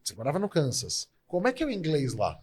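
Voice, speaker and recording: A man's voice: a little high, wildly swooping pitch, fast talker, darkish tone, breathy edge. A man from Brazil hosting an interview podcast, chatty and full of self-corrections as he talks. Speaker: podcast host.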